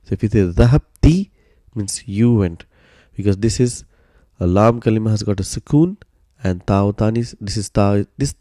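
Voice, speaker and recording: A man explaining grammar step by step in a recorded lesson, patient and steady, often starting sentences with "so" and pausing on "uh.". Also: fairly low pitch, no room sound, clean studio sound. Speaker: Arabic grammar teacher.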